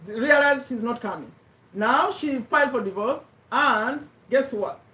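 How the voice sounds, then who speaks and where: A middle-aged woman from Uganda, English not her first language, giving an animated motivational talk and repeating her points for emphasis. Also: on the high side, unhurried, distant mic. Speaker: host of a live business talk. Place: home room with a bookshelf, indoors. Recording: echoey room, voice a little off-mic.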